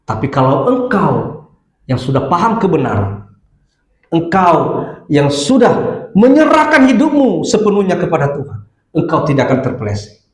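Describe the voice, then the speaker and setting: A male pastor preaching a sermon in church, swinging between loud exclamations and soft low asides. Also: sing-song, normal speed. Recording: echoey church hall.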